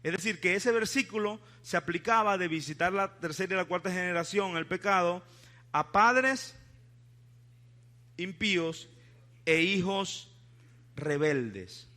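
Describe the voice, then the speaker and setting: Bright, high-voiced pastor. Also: male voice, expressive, a little slow, long pauses. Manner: asks the congregation questions, leads call-and-response. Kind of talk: sermon. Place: church before a congregation.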